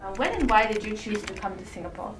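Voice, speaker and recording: A woman's voice: mid-range voice, lively intonation, quick pace. A woman interviewer asking short, plain questions. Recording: echoey room with music.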